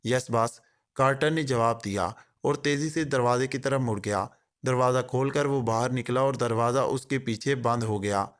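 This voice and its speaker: A man narrating a spy novel as an audiobook, reading steadily. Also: medium pitch.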